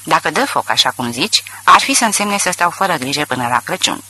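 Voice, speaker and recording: A hot-tempered store owner bursts out in exasperation, pitched high and sharp, voiced by a man reading aloud. His voice jumps around lively as he talks. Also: slight background noise. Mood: exasperated. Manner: explosive, exasperated.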